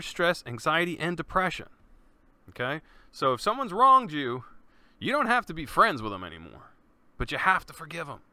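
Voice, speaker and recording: This podcast host's voice is a little high, bright and forceful, recorded with no room sound. Earnest but relaxed, he rambles through a monologue, dropping "man" and curse words often.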